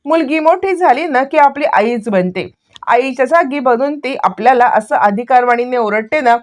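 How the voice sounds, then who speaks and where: A woman's voice: high voice, expressive, moderate pace. A woman voicing a fond, sentimental elderly father figure who speaks tenderly.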